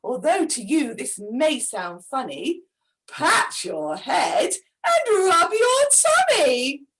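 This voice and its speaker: A woman voicing a cheerful, helpful young male elf who briskly gives bossy instructions in rhyme. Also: sits high, wildly swooping pitch, fairly bright tone, heavily acted. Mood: chirpy.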